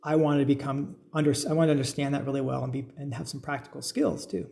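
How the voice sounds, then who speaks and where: This middle-aged man from suburban California, United States, is a biologist turned farmer speaking as a podcast guest. He talks fast in a level, gravelly, darkish medium-pitched voice, offering thoughtful, informal explanations in conversational interview answers as he thinks aloud.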